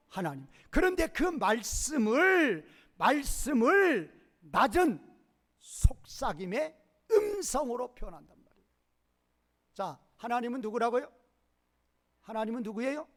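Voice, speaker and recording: A male pastor preaching a sermon, quizzing the congregation with repeated questions and swinging between loud emphasis and quiet low asides.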